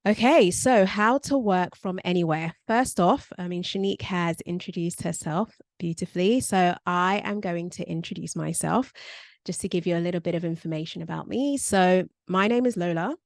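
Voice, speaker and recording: Born in Nigeria and raised in South London, a woman with a fairly low voice presents a career workshop over a video call. She speaks at a normal speed, conversationally and with frequent ums, with no room sound.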